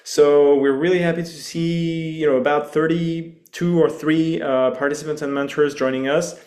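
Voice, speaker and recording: A man's voice: fairly high pitch, fairly even intonation, moderate pace, a little mellow. Man, French accent, hackathon host, video call, hesitant, echoey room. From France. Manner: hesitant, many fillers. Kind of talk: casual launch call. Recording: roomy echo.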